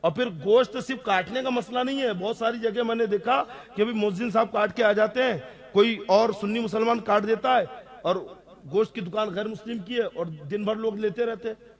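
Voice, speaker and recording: A man, an Islamic scholar, answering audience questions on religious rules, stressing key points and often checking that listeners follow. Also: high-pitched. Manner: emphatic, repeats key rulings.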